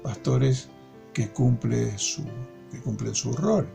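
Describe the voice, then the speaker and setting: A man leading a Bible study from a workbook, slow and deliberate, repeating key phrases and verses. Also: mid-range voice, gravelly, music in the background. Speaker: discipleship teacher.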